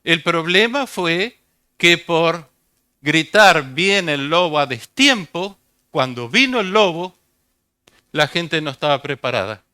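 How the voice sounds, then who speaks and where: Older male preacher, voice pitched a little high and smooth, repeating his points to the flock. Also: expressive, a little slow, bright, forceful tone, dry recording, clean studio sound. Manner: asks the congregation questions and repeats key phrases. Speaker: pastor. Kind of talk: sermon.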